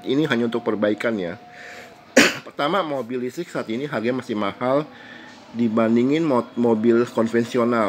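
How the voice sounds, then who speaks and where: A man's voice: mid-range voice, slight background noise. Chatty man with a stuffy nose. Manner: chatty, repeats himself, slow deliberate counting. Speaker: YouTube vlogger. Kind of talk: casual monologue to camera.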